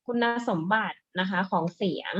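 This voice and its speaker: A woman music teacher giving a patient online lesson to young pupils, softening each phrase with polite particles. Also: normal speed, dull audio. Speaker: primary school music teacher. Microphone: computer mic on a video call.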